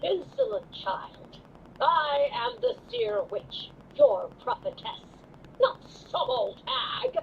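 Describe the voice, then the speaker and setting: An imperious prophetess from a video game, speaks slowly and very high with a creaky edge. Her delivery is theatrical and portentous. The sound is muffled and noisy. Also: big pitch swings, far from the mic, heavily acted. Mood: indignant. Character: imperious, mysterious seer witch and prophetess.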